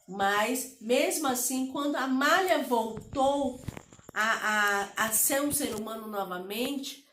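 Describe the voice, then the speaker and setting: Brazilian woman teacher, children's lesson, very slow, spells out syllables, echoey room. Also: fairly high pitch, fairly bright tone, distant mic. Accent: Brazilian Portuguese.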